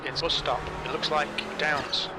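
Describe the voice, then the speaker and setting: A man's voice: a little high, steady tone, measured pace. A man giving terse, clipped pit radio calls as a race crew chief. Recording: loud engine noise behind.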